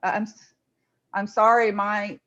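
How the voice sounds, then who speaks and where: A middle-aged woman chatting on a video call over a bad, choppy connection, halting and trailing off. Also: mid-range voice, level tone, a bit bright. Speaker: club member. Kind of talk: casual chat on a video call. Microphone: computer mic on a video call. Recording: dull lo-fi video-call audio.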